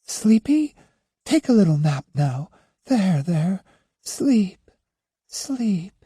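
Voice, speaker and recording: A man voicing a gentle young mother who soothes her baby in a soft, cooing tone, in an audiobook. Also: sits high, unhurried, slightly rough, no echo, clean studio sound, voice pushed up. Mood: soothing. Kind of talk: audiobook character voice.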